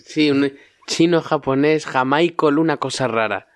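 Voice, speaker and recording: A man, chatting casually and pausing with fillers before his points. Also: fairly high pitch, no echo. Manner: hesitant, with many fillers and restarts. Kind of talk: casual chat.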